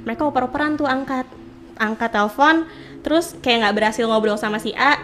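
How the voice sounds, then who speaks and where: A young adult woman telling a ghost story in casual chat, animated, acting out the quotes with lots of fillers. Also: a little high, fairly quick, a little hiss or hum. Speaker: guest storyteller.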